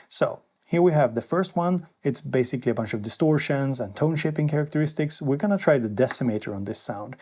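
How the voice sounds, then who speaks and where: Synthesizer sounds accompany a man whose mid-range voice is darkish and slightly rough. He's a synth presenter and reviewer doing a laid-back hands-on demo, voicing his thoughts informally as he goes.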